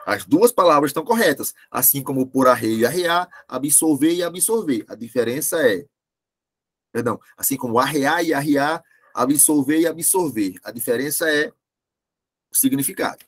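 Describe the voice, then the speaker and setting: A man teaches a grammar lesson over a video call. His voice is lively and swings widely in pitch. He slows down and repeats key words so his students can follow. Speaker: Portuguese language teacher. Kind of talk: online class lecture.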